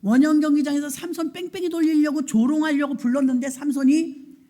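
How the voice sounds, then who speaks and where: A woman's voice: high voice, steady tone, fairly quick, warm tone. Dramatic storytelling woman pastor. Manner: dramatic storytelling with rhetorical questions. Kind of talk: sermon.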